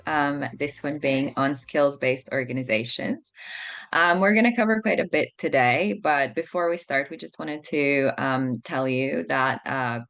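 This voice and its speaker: Croatian woman hosting a work webinar, really low voice, lots of ums. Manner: relaxed, with frequent ums. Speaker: webinar host. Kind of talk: business webinar presentation.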